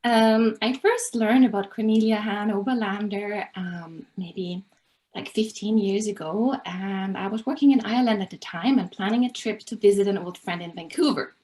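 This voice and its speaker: A woman's voice: medium pitch, moderate pace, darkish tone. Hesitant Austrian-born woman presenter. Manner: thoughtful, with frequent hesitations. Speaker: landscape architect tour guide. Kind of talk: casual presentation.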